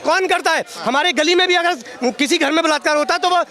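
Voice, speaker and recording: A man's voice: very high-pitched, pushed and bright. A man with a Delhi Hindi accent, arguing heatedly in a street interview and firing off rhetorical questions. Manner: fiery, argumentative, rapid-fire rhetorical questions. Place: busy city street outdoors. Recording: outdoor street crowd noise.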